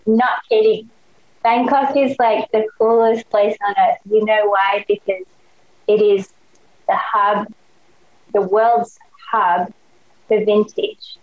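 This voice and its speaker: A young Australian woman appears as a podcast guest, chatting eagerly and casually in slang, with lots of "like" fillers. Her medium-pitched voice is steady and slow, with frequent pauses, and the recording sounds dull and lo-fi.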